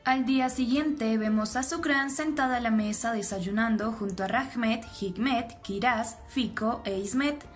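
A woman's voice: a little high, unhurried, few pauses. A woman steadily narrating an episode recap, reading the characters' lines plainly. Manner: steady storytelling, reads quotes plainly. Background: faint background music.

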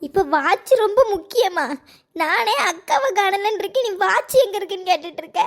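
Woman voicing a weepy cartoon girl, Kanyakumari Tamil, whiny and very high. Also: animated, fairly quick. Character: tearful young village girl, whiny and upset. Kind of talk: cartoon voice acting.

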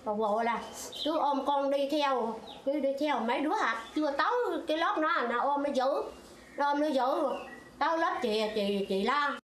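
An older former stage actress from Phú Yên, telling a wartime memory in an animated, exclamatory way. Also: female voice, moderate pace, echoey room, a little hiss or hum. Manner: animated storyteller, pitch leaping high in exclamations. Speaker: former hát bội actress. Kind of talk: emotional war memory interview.

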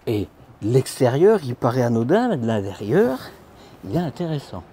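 Mellow and slightly rough, this man's mid-range voice swings widely in pitch as he gives a casual commentary on camper vans in a big trade show hall. Filming handheld on his phone at normal speed, he chats informally, addresses the viewer as "tu," and drops in many fillers.

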